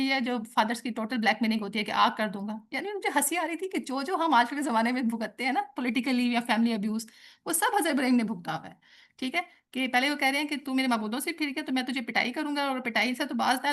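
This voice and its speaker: A woman giving a religious lesson, explaining at length and mixing in English phrases and quoted Arabic. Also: on the high side. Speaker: teacher. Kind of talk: religious lecture.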